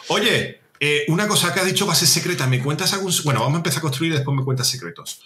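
A man's voice: on the high side, animated, fast talker, bright, forceful tone, slight background noise. A man, a guest co-player in a casual gameplay chat, full of jokey banter.

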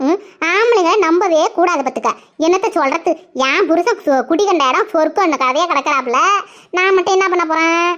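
A woman's voice: very high voice, brisk, fairly bright tone. Woman voicing a wailing wronged wife. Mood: lamenting. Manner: wailing, lamenting, sing-song complaint. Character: nagged married village woman wailing about in-laws. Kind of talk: cartoon voice acting. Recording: muffled lo-fi recording.

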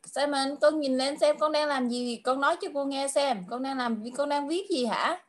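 A woman with a high, bright voice gives a child an online English lesson. She coaxes patiently and asks the same question again and again. Her English clues come out slowly and are drawn out word by word. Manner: coaxing, repeats questions patiently. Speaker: tutor.

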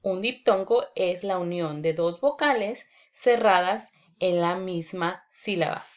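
A woman teacher giving a children's reading lesson online, speaking deliberately, repeating words and checking in with "ok?" often. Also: lowish voice. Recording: dull lo-fi recording.

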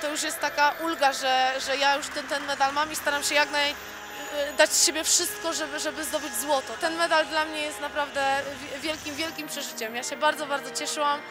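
A woman athlete answering in a post-event interview, hesitant and halting, with many fillers. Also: high-pitched, steady tone. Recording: loud music behind.

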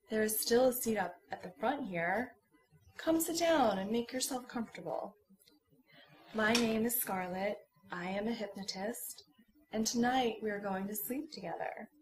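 A woman's voice: a little high, lightly acted, rough recording. A woman playing a confident stage hypnotist who coaxes volunteers and the audience, mixing whispers with stage announcements in an ASMR roleplay. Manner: teasing, coaxing, alternates whispers and stage calls. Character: confident female stage hypnotist, teasing showwoman.

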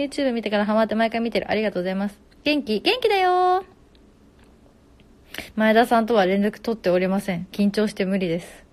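A woman in her twenties hosting a casual live stream at home on her phone. She reads viewer comments aloud and answers them quickly. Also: medium pitch, a little mellow.

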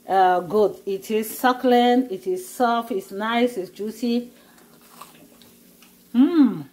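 A middle-aged woman hosts a cooking vlog, chatting casually through each step in her home kitchen as she films on a phone camera, with many fillers. Her voice is a little high and a little mellow.

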